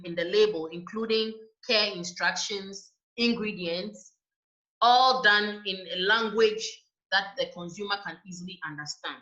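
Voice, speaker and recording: A woman lectures to a class in a clear, explanatory manner, often closing points with a quick "right?". Her voice is bright and forceful. The recording is dull and lo-fi, with a roomy echo from the lecture hall. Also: mid-range voice. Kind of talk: university lecture. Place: lecture room. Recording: echoey room, dull lo-fi sound.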